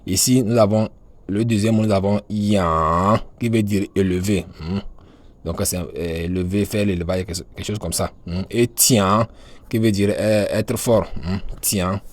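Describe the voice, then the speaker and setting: A man giving a calm, hesitant pronunciation lesson, with many fillers and hums between words. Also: sits low, normal speed. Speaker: language teacher.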